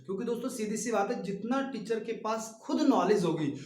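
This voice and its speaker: A man's voice: sits high, expressive, brisk, darkish tone, echoey room. A man teaching an online exam-prep lesson. He explains things patiently and keeps stopping to speak straight to his listeners. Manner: explains patiently, often stops to address the listeners directly. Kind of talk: online classroom lecture.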